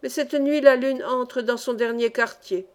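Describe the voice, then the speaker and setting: A woman voicing a learned, genial older engineer who explains science in measured sentences in a read-aloud novel. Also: fairly high pitch, fairly even intonation, clean tone, close to an everyday voice. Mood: instructive. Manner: instructive, measured.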